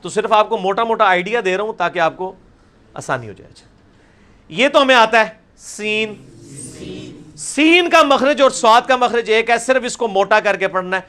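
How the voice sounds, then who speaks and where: High-voiced man teaching. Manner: drills letters by repeating them loudly, mixing Punjabi into Urdu. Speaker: religious teacher. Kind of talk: live Quranic pronunciation class.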